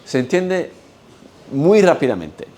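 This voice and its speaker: A man's voice: fairly high pitch, sing-song, slow, mellow. Patient man lecturing. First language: English. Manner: explains patiently, checks in with "¿no?" and "¿ok?". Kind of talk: university-style lecture. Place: lecture hall.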